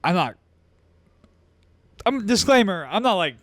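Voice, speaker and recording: A man co-hosting a podcast, a stand-up comedian who makes deadpan, wry remarks in casual chat. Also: high voice, measured pace, dry recording, studio quality. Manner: deadpan, wry one-liners. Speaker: podcast co-host.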